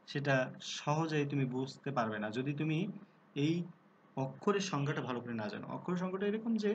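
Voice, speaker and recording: A man giving a recorded lesson on pronunciation, explaining rules, asking rhetorical questions and sounding out example words slowly. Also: on the high side, muffled recording, a little hiss or hum. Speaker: Bengali language teacher.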